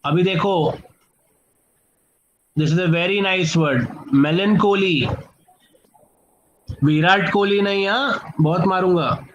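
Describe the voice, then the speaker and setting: Male tutor, higher voice, slow drawn-out delivery, muffled video-call audio. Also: a little hiss or hum. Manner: drawn-out, repeats words for students; playful, quizzing the class. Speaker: vocabulary teacher. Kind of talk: online class, mixing Hindi and English. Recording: dull lo-fi online class audio.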